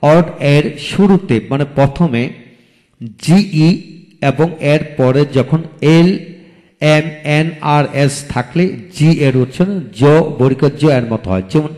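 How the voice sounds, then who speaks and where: A male English teacher giving a recorded video lecture, spelling each word letter by letter and then repeating it slowly. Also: fairly high pitch, warm tone, big-room sound.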